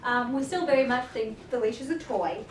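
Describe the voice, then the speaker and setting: Woman dog trainer with a high voice: short upbeat commands and sing-song praise, miked from a distance. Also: animated, moderate pace, a little hiss or hum. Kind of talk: puppy training lesson with spoken explanations. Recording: roomy sound, away from the mic.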